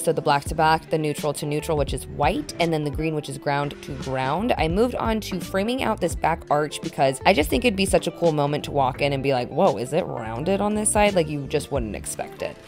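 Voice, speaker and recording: A woman's voice: low-pitched, animated, a little fast, few pauses, faint music behind. A young woman giving a chatty, upbeat vlog narration about renovating her trailer. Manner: chatty and upbeat, shouts in frustration at times. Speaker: DIY renovation vlogger. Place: small trailer under renovation, indoors.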